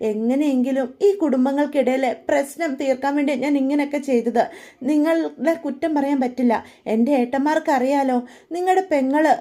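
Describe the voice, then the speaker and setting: A woman's voice: high-pitched, dark tone, natural voice. A woman voicing a remorseful young woman who pleads with her older brothers. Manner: pleading, apologetic.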